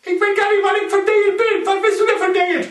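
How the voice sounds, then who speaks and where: A man voicing a timid, polite blind snake with a squeaky, apologetic voice and an East Frisian accent. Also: level tone, fairly quick, fairly bright tone. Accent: East Frisian German. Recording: echoey room, mic at a distance.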